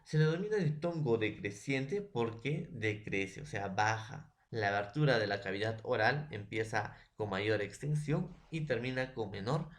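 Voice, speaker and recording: A Peruvian man with a Peruvian Spanish accent teaches secondary school language in a recorded lesson. His voice is on the low side and expressive, at a moderate pace with few pauses. He spells words out syllable by syllable and keeps checking understanding with tag questions.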